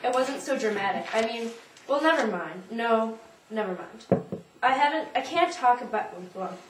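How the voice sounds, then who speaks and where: A nervous old woman rambles and dodges the question, as a woman acts her out at an audition. Her voice sits a little high. It is caught from across an echoing room with a faint hiss. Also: expressive, normal speed, close to an everyday voice. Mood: flustered. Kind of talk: audition monologue. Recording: roomy, from a distance, faint noise.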